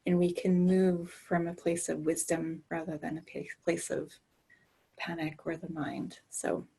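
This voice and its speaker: Slow, breathy woman guiding meditation. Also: on the low side, flat delivery. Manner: gentle, soothing, unhurried delivery. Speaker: meditation teacher. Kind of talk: guided meditation and calm explanation.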